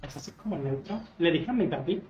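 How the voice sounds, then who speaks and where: A man's voice: a little high, expressive, a little fast, a little mellow, echoey room, muffled recording, faint music behind. A young man with a Venezuelan accent, a podcast guest who chats playfully and tells stories at the host's home. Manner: playful, storytelling, giggly. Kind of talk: casual podcast chat.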